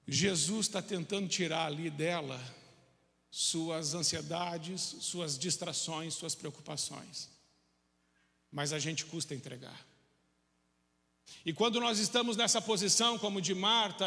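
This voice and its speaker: A male pastor with a southern Brazilian accent, preaching a sermon in church, swinging from loud called-out lines to quiet, low emphasis. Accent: southern Brazilian Portuguese. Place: church sanctuary. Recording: long church reverb.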